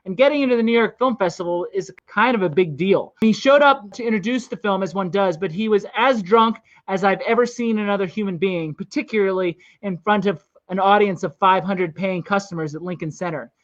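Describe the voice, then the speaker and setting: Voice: medium pitch, a little fast, hardly any pauses. A podcast host in their forties, telling film anecdotes in casual chat and chuckling often. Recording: dull lo-fi sound.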